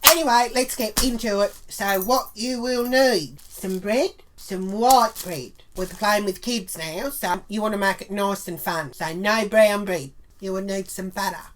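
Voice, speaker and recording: A woman's voice: medium pitch, measured pace, few pauses, slight background noise. A woman with an Australian accent telling a crude story and giving a cooking tutorial, swearing bluntly all the way through. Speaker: vlogger.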